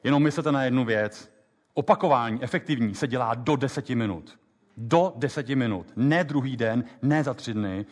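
A man giving a live lecture on memory techniques, explaining quickly and lively with many fillers. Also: mid-range voice. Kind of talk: live lecture with app demo. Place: lecture hall with audience. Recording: long hall reverb.

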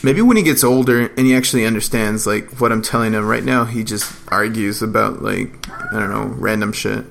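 A young man and father who hosts a podcast, chatting casually in an animated way and swearing freely. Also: lowish voice, fairly quick, creaky, slight background noise. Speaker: podcast host.

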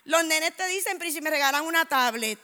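A woman preaching a sermon, telling lively anecdotes and acting out the dialogue. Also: high voice, fast talker. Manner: animated storytelling, acts out dialogue. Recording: echoey hall.

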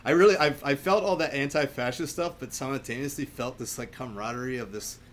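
This podcast host is a man with a medium-pitched, slightly bright voice who talks fast. He rambles informally and effusively about movies in a casual chat, recorded remotely from home with clearly audible background noise.

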